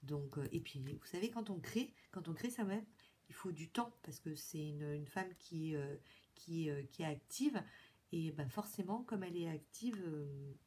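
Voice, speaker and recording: A woman's voice: low voice, expressive, a little slow, mellow, slight background noise. Chatty French woman showing a haul. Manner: chatty, enthusiastic, many fillers and restarts. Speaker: beauty vlogger. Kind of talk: casual haul video.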